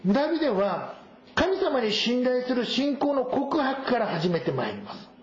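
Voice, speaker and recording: A male pastor preaching a sermon, reading scripture verses and explaining them at a measured pace. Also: very high-pitched, big pitch swings, slight background noise. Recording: roomy echo, dull sound.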